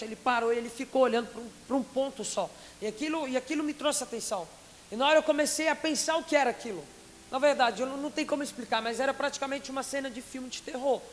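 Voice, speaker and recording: Young brazilian guy preaching his story, goes quiet then loud, reverby hall. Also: very high-pitched. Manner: storytelling with dramatic swings between hushed and loud. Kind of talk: emotional sermon testimony. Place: large conference hall. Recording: echoey hall, faint hiss.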